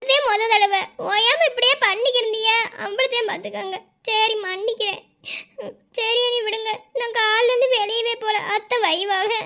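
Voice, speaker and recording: A woman's voice: extremely high pitch, steady tone, sharp tone, exaggerated voice. A woman voicing a sulky, tearful young village wife with a Madurai Tamil accent, pouty and teasing in a cartoon. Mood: pleading. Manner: pouty, teasing, quick to tears.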